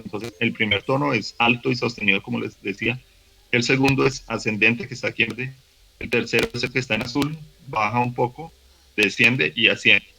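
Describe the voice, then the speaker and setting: A man teaching a workshop lesson, explaining patiently with fillers and restarts, slowing down to demonstrate syllables. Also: medium pitch, gravelly, sharp tone, low-quality recording. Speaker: language teacher. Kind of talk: recorded online workshop lesson.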